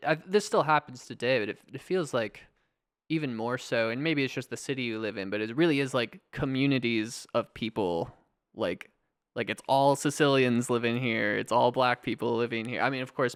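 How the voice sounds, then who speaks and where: A man's voice: medium pitch, no echo, clean studio sound. A man co-hosting a podcast, casually discussing a movie and agreeing easily with his co-host. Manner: easygoing, lots of agreeing and laughing along.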